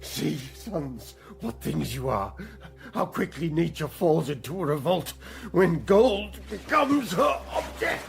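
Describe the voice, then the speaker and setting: A man's voice: a little high, very animated, gravelly, heavily acted. An actor playing a bitter, dying old king in a theatrical, declamatory Shakespearean radio drama style. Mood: anguished, suspicious. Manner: declamatory, theatrical, drawn-out, swelling from murmurs to shouts. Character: old dying king, ailing, bitter, grieving, raging at his son. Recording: studio radio drama with music behind.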